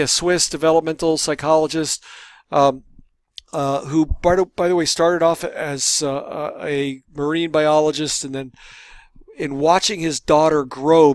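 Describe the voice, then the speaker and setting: A man's voice: a little high, no echo, clean studio sound. Man lecturing with lots of um and uh. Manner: rambling with frequent fillers and restarts. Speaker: college lecturer. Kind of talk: recorded course lecture.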